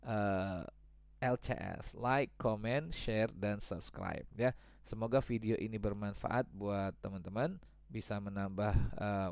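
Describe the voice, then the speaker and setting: A man with a lowish, gravelly, darkish voice, captured in a dry recording, explains a grammar lesson to children. He teaches English patiently, repeating each example and translating it.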